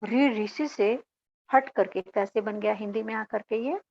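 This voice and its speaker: A woman teacher with a Haryanvi-tinged accent talks through a Hindi grammar lesson at an unhurried pace, often putting a question to the class and then answering it herself. Her voice has a gravelly edge, and the recording sounds dull and lo-fi. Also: medium pitch, darkish tone. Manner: explains step by step, asks and answers own questions.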